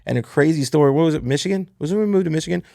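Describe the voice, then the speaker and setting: A man from Texas hosting a podcast, telling stories in an animated, profane way during casual conversation. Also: fairly high pitch, racing, vocal fry, no echo, studio quality. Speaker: podcast host.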